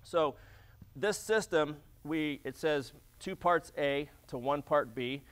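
A middle-aged man talks through a hands-on demonstration in a large warehouse, pausing on fillers and restarting sentences as he works. His voice sits a little high for a man, picked up on a lapel mic while he kneels on the floor. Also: fairly bright tone, smooth. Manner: practical, explanatory, with frequent fillers and restarts. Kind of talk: instructional demonstration.

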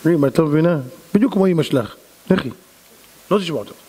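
A man's voice: fairly high pitch, animated, warm tone, breathy edge. A man doing a bitter, snapping humiliated worker. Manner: irritable, brushing off. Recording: long hall reverb.

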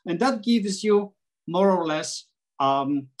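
Taking it slowly, a middle-aged man from Poland speaks in a high-pitched voice with lively intonation and a Polish accent. He's an architect and sketcher appearing as a video call interview guest, with many restarts and fillers. A laptop webcam picks him up in a small room at home where framed pictures hang on the wall.

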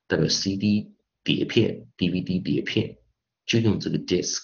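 A male English teacher gives an online phonics lesson. He spells words out slowly and fills his talk with little particles. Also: low-pitched, creaky, highs cut off. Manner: repeats spellings slowly, peppers speech with 啊 and 哦.

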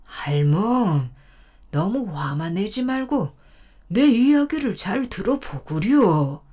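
A woman voicing a kind, gentle old grandfather who talks in a slow, drawn-out way. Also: mid-range voice, sing-song. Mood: placating.

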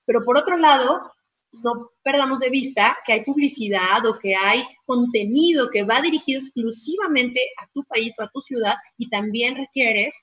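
A woman's voice: fairly high pitch, moderate pace, husky. A woman, director of a voice-over school, explaining her views in an interview. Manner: explanatory, lively. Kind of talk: interview answers.

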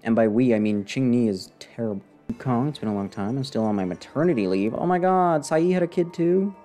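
A young adult man streams a game into a close desk microphone, with game music behind him. His medium-pitched, mellow voice is animated and brisk as he delivers sarcastic, unimpressed, casual commentary.

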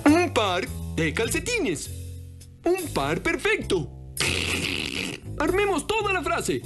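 Una mujer que dobla a un muñeco niño alegre y juguetón que guía juegos y habla a los niños que lo ven. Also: female voice, high-pitched, huge pitch swings, slow pace, over music, full character voice. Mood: playful. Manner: bouncy, coaxing, talks to viewers. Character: cheerful playful puppet boy leading games. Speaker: dubbed puppet character. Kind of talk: children's TV dub.

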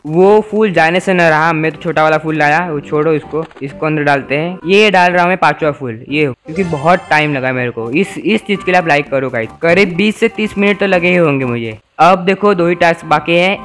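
A man's voice: a little high, fairly bright tone. A young man giving playful, teasing commentary over a video game and talking to its characters. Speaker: gaming YouTuber. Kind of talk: Let's Play commentary.

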